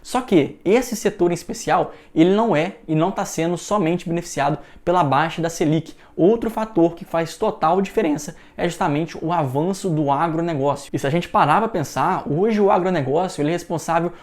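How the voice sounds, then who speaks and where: A young Brazilian man hosting an investment channel, explaining the market in an energetic, persuasive scripted talk. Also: a little high, fairly quick, hardly any pauses. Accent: Brazilian Portuguese. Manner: energetic, persuasive, many fillers like "realmente".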